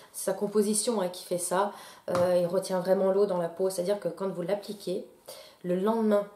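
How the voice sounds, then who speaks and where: A beauty YouTuber with a warm, mid-range voice talks casually to the camera about a product haul. She has a stuffy nose from a cold and chats to her viewers with lots of fillers and restarts. The room sounds echoey.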